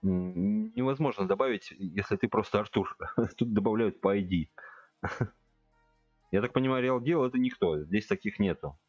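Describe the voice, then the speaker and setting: A man's voice: lowish voice, big pitch swings, normal speed, a little mellow, dry recording, dull audio, soft background music. A man in his forties chatting casually with viewers as he plays, thinking aloud and speaking to his chat directly. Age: 40s. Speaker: game streamer. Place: home room at a computer.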